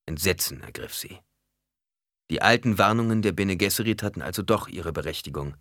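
A man narrating a story in a dramatic, lively reading style. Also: deep voice, fairly quick, no room sound, studio quality. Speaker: audiobook narrator. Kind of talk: scripted narration.

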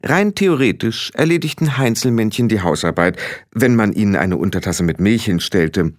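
Lively male audiobook narrator. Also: on the low side, moderate pace, no room sound, clean studio sound.

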